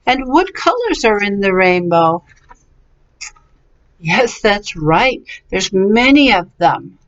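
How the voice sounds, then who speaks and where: A woman's voice: mid-range voice, very animated, slow, a bit bright. A woman teaching English vocabulary, patiently and encouragingly sounding out words syllable by syllable. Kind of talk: slow, clearly enunciated vocabulary and pronunciation lesson. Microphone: webcam. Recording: slightly dull, lo-fi webcam recording.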